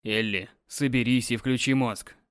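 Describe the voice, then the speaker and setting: A man voicing a calm, insistent, controlling husband in an audiobook, soothing but commanding. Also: mid-range voice, normal speed, clear, resonant tone, no room sound, clean studio sound, natural voice. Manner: firm, soothing yet commanding. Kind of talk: audiobook character reading.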